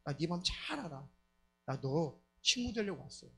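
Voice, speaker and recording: A male pastor voicing a sweet-talking demon spirit that coaxes a lonely woman to befriend it, in a hushed, coaxing manner. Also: fairly high pitch, very animated, moderate pace, vocal fry, slight background noise, full character voice.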